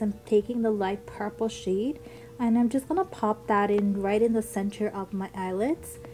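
With a warm, mid-range voice, this young woman sounds childlike as she chats through a makeup tutorial. She's a beauty vlogger, and her product talk is upbeat and sprinkled with ums.

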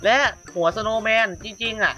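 A man with a high, bright voice talks casually and loosely through a game, pointing out items and prices. He trails off and corrects himself often. Faint music plays behind him. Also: fairly even intonation, moderate pace. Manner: rambling, loose, with fillers and self-corrections. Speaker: gaming YouTuber. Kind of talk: casual game walkthrough commentary.

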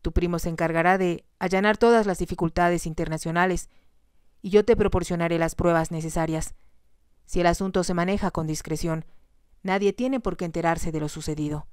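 Woman reading a stern cold nobleman, whispered role-play, low quiet and firm. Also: steady tone, a little fast, clean tone, no room sound, studio quality, natural voice. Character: cold, commanding aristocratic husband called the devil.

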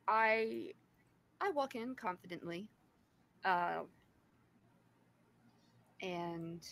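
Female tabletop player: mid-pitched, casual, hesitant, reasoning aloud. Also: creaky. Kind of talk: casual, thinking aloud in a role-playing game.

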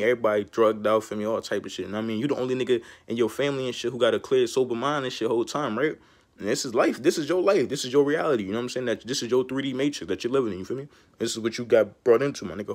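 A young man with a middle-pitched voice speaks to camera in a loose, rambling way. He drops slang and filler phrases constantly and preaches life lessons in a streetwise tone. His delivery feels unscripted. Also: quick pace. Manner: slangy and rambling, peppered with "bro" and "you know what I'm saying". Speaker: vlogger. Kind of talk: casual monologue to camera.

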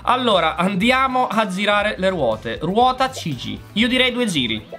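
Excitable man with a lively, bouncing voice. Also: high-pitched, unhurried, soft background music. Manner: excitable, exclamatory, talks straight to viewers. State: voice going hoarse. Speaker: gaming channel host. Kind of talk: casual gameplay commentary.

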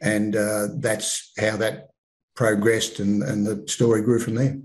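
An Australian man in his sixties, an author, telling stories in a relaxed way with frequent ums and restarts over a video call from his home lounge room. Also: fairly low pitch, unhurried, low-quality recording. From Melbourne, Australia. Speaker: author guest. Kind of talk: casual interview. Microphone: video call webcam.

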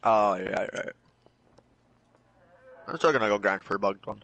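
A man chatting with a friend over voice chat during a game, in relaxed, chummy banter. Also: lowish voice, measured pace, gravelly. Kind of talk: casual chat.

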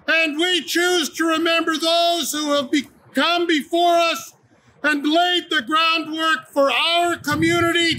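An older man proclaims as a town crier in an extremely high, hard-edged voice. His phrases are loud, declamatory and drawn out at a slow pace. He is recorded outdoors. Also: poor audio. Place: outdoors in an open paved yard beside a building.

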